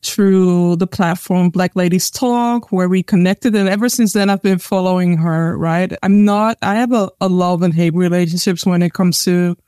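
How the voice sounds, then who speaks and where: A woman's voice: fairly low pitch, fairly even intonation, moderate pace, hardly any pauses, dark tone, clear, resonant tone, no echo, studio quality. A woman hosting a podcast, interviewing in a conversational and affirming way. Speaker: podcast host.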